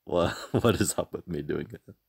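A man's voice: low voice, normal speed, creaky, breathy edge. A young man hosting a reaction video, chatting casually, laughing often and teasing himself.

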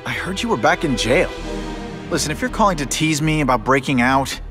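A man's voice: fairly high pitch, expressive, a little fast, over music, close to an everyday voice. An actor playing an earnest young male hero in a video game, casual, slightly awkward and wisecracking. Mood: exasperated, wry.

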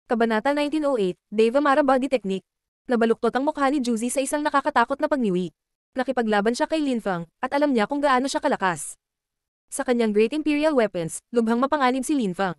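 A woman narrating a martial-arts web novel chapter aloud, reading rapidly and evenly. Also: sits high, expressive, smooth, dry recording, clean studio sound. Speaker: audiobook narrator.

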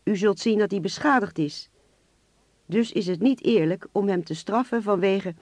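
A man's voice: high-pitched, normal speed, darkish tone, no room sound, pitched above the performer's own voice. A man doing a polite, coldly menacing hitman. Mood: pleading. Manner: polite on the surface, coldly threatening. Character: soft-spoken menacing hitman posing as a father. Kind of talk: radio play acting.

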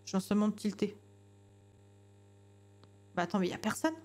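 A woman streamer with a mid-range, slightly mellow voice talks at a moderate pace while playing a horror game. Her commentary is jumpy and chatty; she talks to herself and greets customers politely.

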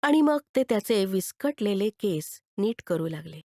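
A woman narrating a written story with expressive delivery. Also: medium pitch, normal speed, no room sound, studio quality. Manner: expressive, animated.

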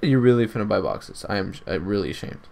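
Male streamer for a gaming chat, jokey and teasing, wide-swinging pitch, loud outbursts. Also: expressive, fast, vocal fry. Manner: joking, teasing, bursts of shouting.

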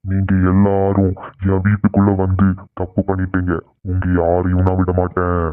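A man's voice: deep voice, monotone, moderate pace, close to an everyday voice. A man voicing a vengeful male ghost in a cartoon, speaking in a menacing, threatening way. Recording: tinny phone-like sound with music.

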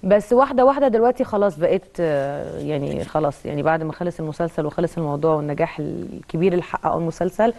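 Egyptian actress guest, talks super fast, emotional storytelling. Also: female voice, sits low, gravelly, a little mellow. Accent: Egyptian Arabic. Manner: emotional, tells anecdotes with acted quotes. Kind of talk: TV interview.

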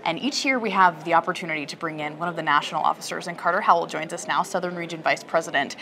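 Lower female host, fast and playful, hotel hall interviews. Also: creaky, pushed and bright. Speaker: preshow host. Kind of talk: broadcast interview hosting.

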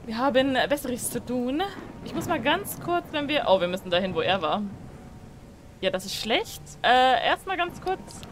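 High-voiced woman chattering over a game. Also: expressive, moderate pace, background noise. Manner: chatty, joking, shrieks when startled. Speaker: gaming streamer. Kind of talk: let's play commentary. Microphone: desk microphone.

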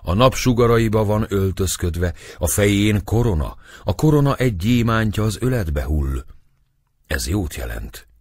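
An eerie old fortune-teller woman, as a male narrator puts her on chants her prophecies in a husky, lifted voice. The reading is dry and close, straight from an audiobook. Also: on the low side, expressive, no echo, voice pushed up. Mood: ominous prophecy.

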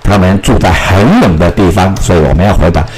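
A man's voice: low voice, slight background noise, poor audio. A man teaching a recorded English lesson, sounding out spellings and repeating model phrases. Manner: slow, drawn-out model phrases with a lively voice.

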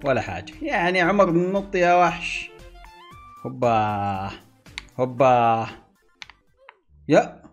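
A man giving excitable gameplay commentary, exclaiming and talking to himself and his viewers. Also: medium pitch, slow pace, pauses often, soft background music. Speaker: gaming YouTuber.

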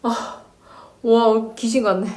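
Woman, 40s, slightly high pitch; reflective, earnest storyteller in a casual personal vlog. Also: steady tone, takes it slowly, noisy background. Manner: earnest, reflective, speaks in short informal phrases. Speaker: divorced mother sharing her experience.

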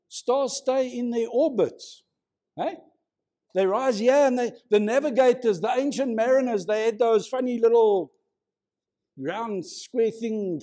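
A man's voice: very high voice, a little mellow. A man preaching a conversational sermon to a congregation, prodding them with questions. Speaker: pastor. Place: church, before a congregation.

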